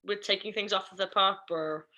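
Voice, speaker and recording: A woman dog trainer teaching an online puppy class, chatty and self-correcting, sometimes slipping into a playful high voice. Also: steady tone, normal speed, bright, forceful tone.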